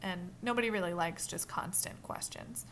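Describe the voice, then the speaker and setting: A woman leading a mentor training in a casual, animated way, acting out example lines as she explains. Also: on the low side, moderate pace, a little hiss or hum. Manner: animated, acts out quoted examples.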